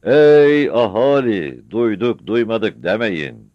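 A man voicing Kambur Ahmet, a hunchbacked town crier who shouts out slow, drawn-out proclamations. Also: lowish voice, sing-song, no echo, highs cut off, voice pushed up. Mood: proclaiming.

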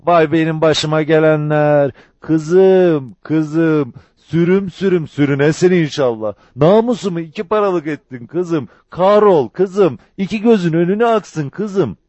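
A man's voice: fairly high pitch, animated, measured pace, hardly any pauses, darkish tone, slightly rough, dry recording, pitched above the performer's own voice. A man voicing a grieving, frightened village mother who wails and pleads through sobs. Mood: wailing. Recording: dull lo-fi dry recording.

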